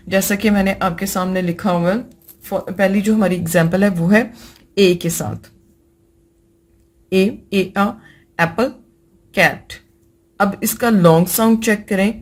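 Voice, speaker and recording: A woman's voice: medium pitch, a little mellow. A woman with a Pakistani accent teaching English grammar in a lecture, patiently repeating example words and mixing English terms into her explanations. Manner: patient, repeats example words slowly and often says "theek hai". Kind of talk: classroom lecture explaining vowel sounds.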